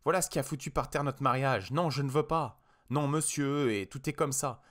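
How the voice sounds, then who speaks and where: A man's voice: medium pitch, moderate pace, voice pushed up, natural voice. A man voicing a frightened insistent wife. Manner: pleading, sharp and insistent. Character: frightened, insistent young wife on a road trip. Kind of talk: audiobook character voice.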